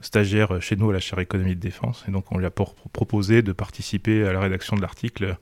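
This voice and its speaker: A man's voice: sits low, level tone, fast, a little mellow, dry recording. Hesitant man, dry close sound. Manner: hesitant, frequent fillers. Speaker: guest researcher. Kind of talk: interview answer.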